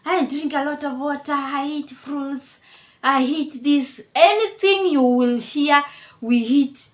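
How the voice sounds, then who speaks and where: A Kenyan woman in her fifties, a commentary vlogger, offers casual, mocking commentary, laughing often and repeating herself. Her voice is high and her pace slow.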